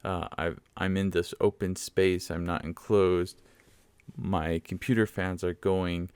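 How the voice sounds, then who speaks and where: Demonstrating a microphone for a review, this man has a low, smooth voice and a conversational, explanatory manner. There's no room sound, though he's recording at home in an open room of a dome house on a condenser mic through a mixer, positioned fairly close.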